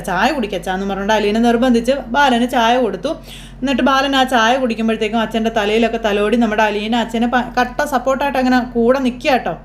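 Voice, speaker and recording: A woman's voice: a little high, slight background noise. A woman giving a chatty, casual recap of a TV serial for her listeners. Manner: chatty, keeps adding tag words for the listener.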